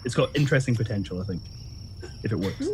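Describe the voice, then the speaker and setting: A man's voice: fairly low pitch, expressive, quick pace, a little hiss or hum. A man playing a tabletop game, rambling as he thinks aloud about his plans. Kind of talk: casual chat among players.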